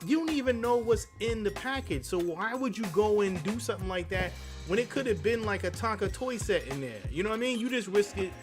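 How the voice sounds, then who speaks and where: A man co-hosting a casual panel chat, playful and animated, acting out quotes. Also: high voice, a little fast, hardly any pauses, over music. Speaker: podcast co-host.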